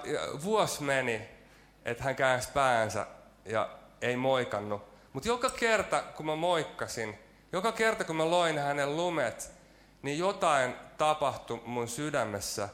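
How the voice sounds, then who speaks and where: A man's voice: medium pitch, a bit bright. A man preaching a sermon in a church, telling a personal story with self-mocking jokes and frequent hesitant fillers.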